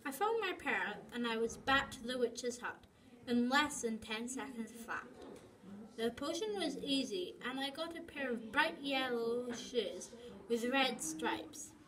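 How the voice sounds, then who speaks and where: Slow halting woman reading a story. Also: on the high side, expressive, a crowd in the background, rough recording. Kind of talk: reading her own story aloud. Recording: voice from off the mic, people chattering behind.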